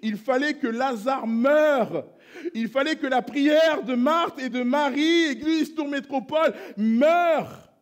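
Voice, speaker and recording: A man pastor preaching a sermon in church, moving between hushed prayerful passages and loud impassioned appeals. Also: extremely high pitch, slow.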